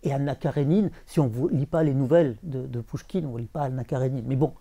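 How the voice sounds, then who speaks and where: A man talking as a literary translator before an audience, halting, repeating words and chanting verse rhythms. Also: medium pitch, dark tone. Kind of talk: bookshop talk with audience.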